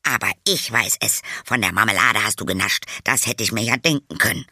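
A man's voice: a little fast, pushed and bright, slightly rough, dry recording, studio quality, heavily acted. A man voicing a stern older aunt who scolds her mischievous nephew. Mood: scolding. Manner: shrill, scolding.

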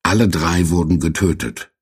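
A man voicing a stern grown woman with a sharp, cutting way of speaking, in an audiobook. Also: low-pitched, normal speed, husky. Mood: grave. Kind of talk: audiobook character voice.

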